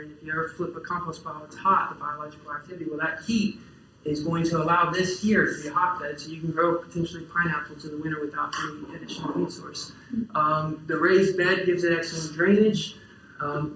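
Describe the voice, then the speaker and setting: A young man with a slightly high voice gives a conference talk about farm tools. His delivery is relaxed and unscripted, with frequent fillers and restarted phrases. The sound is picked up from out in the audience, so the lecture hall's echo is clearly audible. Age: young adult. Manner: casual, many fillers and restarts. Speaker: farmer giving a talk. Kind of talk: conference presentation. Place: lecture hall. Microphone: distant camera in the audience. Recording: roomy lecture hall echo.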